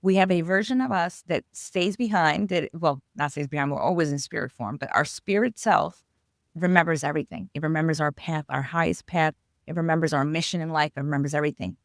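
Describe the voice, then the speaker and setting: A woman's voice: sits low, brisk, dry recording, studio quality. A woman with a New York accent, an author talking earnestly as a guest about spiritual growth. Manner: earnest, flowing, explanatory. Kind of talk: spiritual interview talk.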